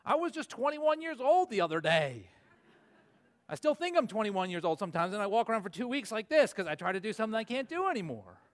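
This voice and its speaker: High-voiced pastor in his forties. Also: sing-song, fast. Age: 40s. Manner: earnest, rising to emphatic peaks then dropping low. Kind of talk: sermon.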